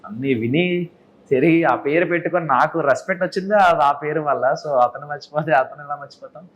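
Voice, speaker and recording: A young man answers interview questions in a casual chat. His voice sits a bit high for a man, and he talks at a rapid clip. He is earnest and mixes English phrases into his speech. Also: fairly bright tone, highs cut off. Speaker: interview guest.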